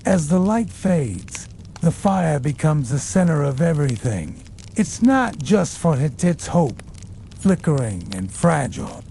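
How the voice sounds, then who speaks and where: A man reads a soothing bedtime story at a slow, unhurried pace. His voice sits a little high for a man and moves with a lively, varied melody. The delivery is measured storytelling, with a faint low rumble of noise underneath. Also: gravelly. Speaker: narrator of a bedtime history story. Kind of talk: soothing bedtime scripted narration.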